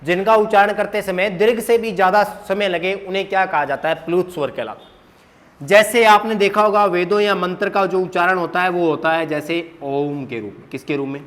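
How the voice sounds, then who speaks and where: A man teaching a grammar lesson at a whiteboard, asking questions and answering them himself, repeating the key terms. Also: high voice.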